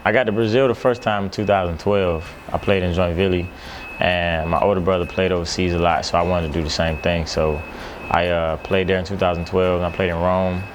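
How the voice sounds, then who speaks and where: A man's voice: low voice, steady tone, fairly quick, background noise. A young man from Maryland, a quarterback, speaking earnestly in an interview and often repeating his phrases. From Maryland, USA. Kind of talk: casual interview talk.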